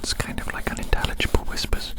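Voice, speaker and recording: Someone whispering an ASMR ramble in a breathy, unvoiced voice, playfully wandering and repeating phrases. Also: quick pace. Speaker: ASMR creator.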